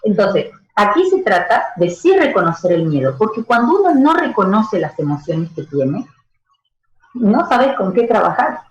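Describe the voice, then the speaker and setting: A woman's voice: mid-range voice, very animated, moderate pace, echoey room, rough recording. A woman giving expert advice as a radio interview guest, explaining with everyday analogies. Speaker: stress management educator.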